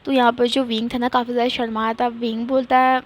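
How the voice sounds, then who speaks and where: A woman's voice: on the high side, flat delivery, quick pace. Woman casually retelling a story. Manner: conversational, many fillers and self-corrections. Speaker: fanfiction storyteller.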